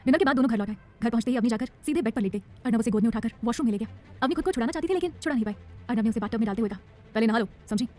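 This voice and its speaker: A woman narrating a romance audiobook in a rapid, dramatic storytelling style. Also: a little high, dark tone.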